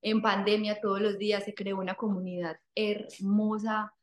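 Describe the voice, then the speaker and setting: A woman's voice: medium pitch, flat delivery, moderate pace. A woman, a guest telling her story in casual conversation, repeating phrases for emphasis. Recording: echoey room.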